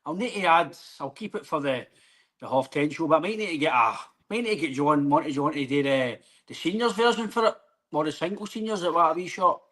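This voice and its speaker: Scottish co-host, thirties, higher-pitched, easygoing banter with frequent laughs. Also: male voice, lively intonation, a little fast, a bit bright. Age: 30s. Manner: easygoing, laughs often between quips. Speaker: podcast co-host. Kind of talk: casual chat.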